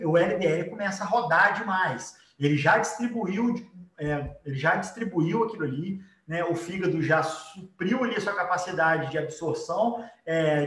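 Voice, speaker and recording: A biology teacher with a Brazilian accent draws while giving an informal, explanatory live lecture, sprinkling in short tag questions to check in. His voice is high-pitched with a fairly bright tone, heard through a distant mic in an echoey room.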